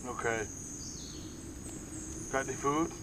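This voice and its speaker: A man voicing a slightly high male lemur spirit in a tabletop game, with a laid-back drawl. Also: slow, a bit bright, a little hiss or hum. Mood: mellow.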